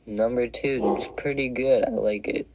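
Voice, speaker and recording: A man's voice: mid-range voice, fairly even intonation, moderate pace, very noisy. A young man in his twenties giving casual, wry commentary as he ranks songs, rambling and self-deprecating. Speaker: video creator ranking songs.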